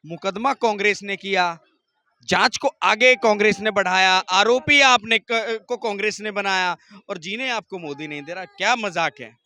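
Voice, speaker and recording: A man's voice: sits high, normal speed, pushed and bright. A man in a political interview, arguing through rhetorical questions and repeating phrases for emphasis. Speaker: member of the public being interviewed.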